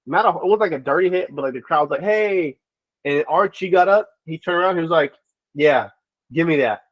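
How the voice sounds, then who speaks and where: Lively man, dull dry mic. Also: on the high side, quick pace, dry recording. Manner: animated storyteller, acts out quotes. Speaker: sports podcast co-host. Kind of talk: casual sports chat.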